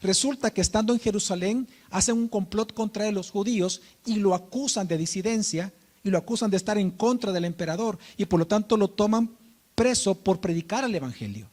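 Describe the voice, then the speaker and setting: A male pastor delivers a sermon from the pulpit. His voice sits high for a man. He tells a story and quietly voices the people in it before returning to his teaching. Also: a little fast. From Guatemala. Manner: storytelling, acting out quoted dialogue softly. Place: church.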